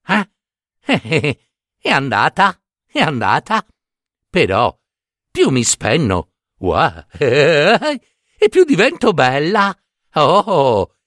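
A man's voice: on the high side, huge pitch swings, pushed and bright, no room sound, studio quality, full character voice. A man doing a vain, joking little hen. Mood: playful. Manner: slow, chuckling, teasing.

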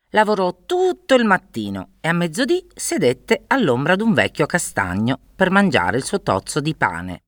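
A woman narrating a fairy tale with an expressive storybook manner. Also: extremely low pitch, dry recording, studio quality.

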